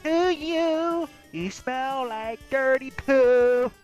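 A young player joking loudly and crudely with friends over voice chat while gaming. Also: sits high, drawn-out words, faint music behind. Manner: loud, joking, crude, hams it up. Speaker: gamer in voice chat. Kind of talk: casual gaming banter.

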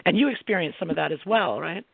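A woman's voice: lowish voice, animated, quick pace, creaky, slightly rough, no room sound. Female podcast host, mid voice, dry tinny phone-like sound. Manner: reads intros, some fillers. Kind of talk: podcast hosting.

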